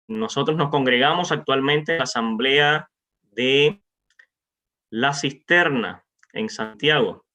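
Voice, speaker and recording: A Cuban man in his forties, a visiting preacher, gives an informal testimony and greeting to a congregation, halting with frequent pauses. His medium-pitched voice sounds pushed and bright, captured on a remote online meeting microphone with dull, lo-fi audio.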